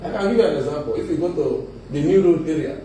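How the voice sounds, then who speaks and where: Mellow-voiced man on a panel. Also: on the high side, fast talker, slight background noise. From Nigeria. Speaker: panel guest. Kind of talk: live panel discussion. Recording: echoey room, mic at a distance.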